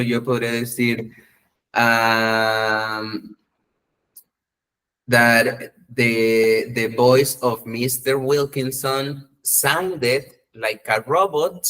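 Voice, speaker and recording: Man, English teacher, slow unhurried delivery, patient, repeats prompts in two languages. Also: mid-range voice, fairly bright tone. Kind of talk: bilingual online class.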